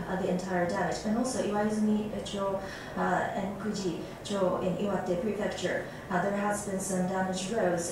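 A woman doing live simultaneous interpreting of a press conference, speaking steadily with frequent fillers and self-corrections. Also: mid-range voice. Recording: echoey, distant, noisy clip played back in a lecture room.

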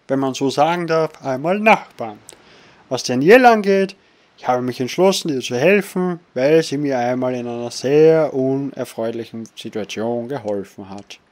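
A man voicing a smooth, guarded male informant in a pirate game, reading the lines aloud with animated delivery. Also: medium pitch, natural voice.

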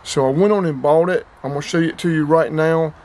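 A North Carolina man in his fifties, host of an outdoors and radio channel, talks through a product demo in a casual vlog, plain-spoken and rambling, repeating himself. He's close to the camera in a small storage room, his fairly high, steady, slightly mellow voice moving fairly quickly.

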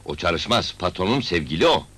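A man's voice: low-pitched, big pitch swings, a little fast, fairly bright tone, husky, dry recording, full character voice. An actor playing a sly middleman who speaks broken Turkish with odd grammar and chuckles, in a film comedy. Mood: smug. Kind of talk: 1980s film comedy acting.

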